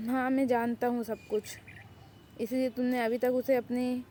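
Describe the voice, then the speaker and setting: A woman's voice: a little high, flat delivery, warm tone, slight background noise, close to an everyday voice. A woman voicing a stern but caring male doctor who lectures and scolds, in an amateur fan drama. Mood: calm.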